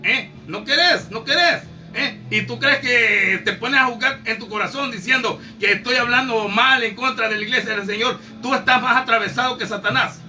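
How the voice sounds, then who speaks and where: A preacher with a very high, sharp voice, scolding his listeners in a fervent sermon. He keeps circling back with fillers and rhetorical questions. He is heard from a distance, with faint music underneath. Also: normal speed, few pauses.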